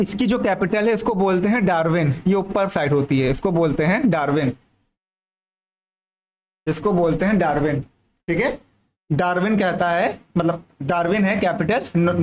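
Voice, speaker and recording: A man a fairly high voice teaches a general studies lesson for exam students while marking up a map. He stretches out the key names slowly and keeps checking in his listeners. A light hiss of background noise sits under the recording. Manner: repetitive, checks in with "thik hai" constantly; drawls key terms slowly.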